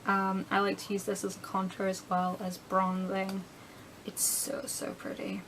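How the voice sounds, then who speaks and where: A woman's voice: mid-range voice, completely flat delivery, a little slow, heavy background noise. Chatty young woman vlogging. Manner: rambling and chatty, drops into whispered asides. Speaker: beauty vlogger. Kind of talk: casual product review chat.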